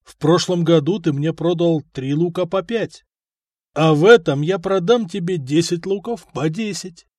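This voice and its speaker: A man's voice: on the high side, moderate pace, darkish tone, dry recording, clean studio sound, pitched above the performer's own voice, natural voice. A man doing a cold, cunning merchant. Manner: icy, calculating.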